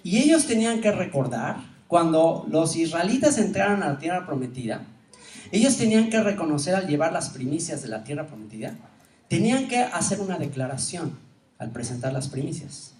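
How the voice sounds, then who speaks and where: A man gives an animated conference teaching, asking his audience questions and laughing often. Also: on the high side, moderate pace. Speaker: teacher giving a conference talk. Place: conference hall. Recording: roomy hall sound from a distance, faint ambience.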